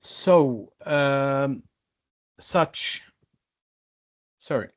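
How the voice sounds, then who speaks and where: A man from Lebanon presenting in a webinar as a zoologist, slow and hesitant with many fillers. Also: medium pitch. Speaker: zoologist and consultant.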